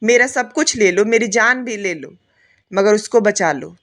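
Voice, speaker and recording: A woman's voice: mid-range voice, lively intonation, unhurried, a bit bright. A woman voicing a grief-stricken young husband who pleads frantically, in a storybook narration. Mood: pleading.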